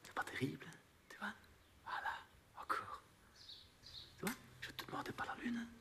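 Sleazy belgian photographer, high voice jumping all over, bossy, keeps going hein. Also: male voice, very animated, a little fast, fairly bright tone, slight background noise. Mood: coaxing. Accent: Belgian French. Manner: bossy, patronizing, tacks "hein" onto sentences. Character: sleazy pushy male glamour photographer. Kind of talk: film comedy acting.

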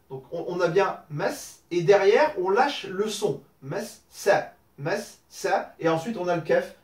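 A man teaching an online lesson, explaining patiently step by step with many pauses and fillers. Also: high-pitched, darkish tone, reverberant, far from the mic. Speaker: Arabic teacher.

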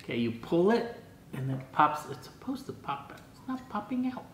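His fairly high voice swings widely in pitch at a normal pace as this man in his sixties vlogs an unboxing from his dining room. Casual and musing aloud, he reads parts out and adds puzzled comments. Recorded by a camera across the table, the audio is clean but roomy and echoey.

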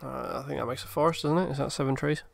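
A man's voice: mid-range voice, fairly even intonation, fast talker, vocal fry, a little hiss or hum. A man casually commenting on his own gameplay, chatty and swearing freely as he mutters along. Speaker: let's play host.

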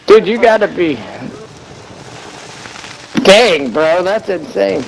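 A man's voice: sits high, lively intonation, takes it slowly, gravelly. An American man with a slangy frat-bro manner, chatting casually and hyping up a friend during an online shooter. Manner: frat-bro talk, slangy, full of dude and bro. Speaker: gamer playing with a friend. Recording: loud gunfire and game noise behind voice. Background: shooter game gunfire.

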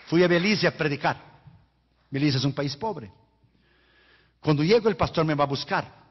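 A man's voice: a little high, normal speed, a little hiss or hum. A man preaching a sermon as an evangelist, emphatic and repeating phrases for stress. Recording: reverberant hall, dull lo-fi sound.

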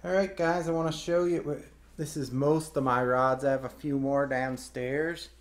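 This hobby vlogger, a middle-aged man, shows off a product hands-on in a small indoor room at home, talking in a plain, folksy, informal manner. His pitch is medium, his intonation fairly even, and his speed normal. The audio comes from a camera a few metres away, so it's distant and very echoey with faint noise.

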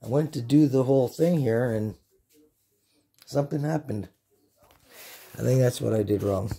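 Giggly, tipsy middle-aged man with gravelly creak. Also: mid-range voice, moderate pace, mellow. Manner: giggly, tipsy drunk rambling; sweary, goofy, repeats himself. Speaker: host of a home cooking vlog. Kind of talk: rambling casual chat to camera. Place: home kitchen, indoors. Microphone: phone, handheld then propped nearby.

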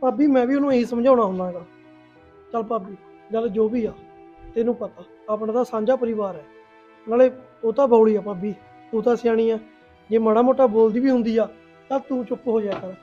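A man's voice: extremely high pitch, fairly quick, long pauses, mellow, lo-fi sound, faint music behind. A man playing an easygoing young husband in a joint family, placating both his wife and sister-in-law. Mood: coaxing. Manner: placating, peacemaking. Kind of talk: Punjabi family sketch acting.

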